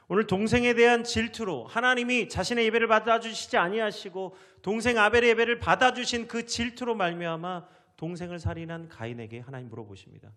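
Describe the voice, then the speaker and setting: Animated Korean pastor preaching. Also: male voice, high voice. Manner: dramatic, acts out biblical voices with sharp rises and drops to near whisper. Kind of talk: sermon.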